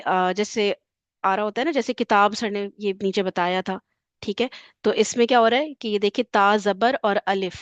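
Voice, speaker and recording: A woman's voice: mid-range voice, no room sound. A woman teacher patiently recapping a grammar class, often checking that students follow. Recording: dull lo-fi voice.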